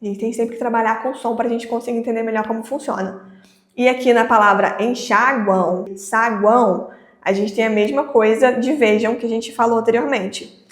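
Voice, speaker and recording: A woman teacher explaining Portuguese phonetics in a lesson, slowly drawing out each example word. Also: fairly high pitch, steady tone, reverberant. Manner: slow, drawn-out pronunciation of example words. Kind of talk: online grammar lesson.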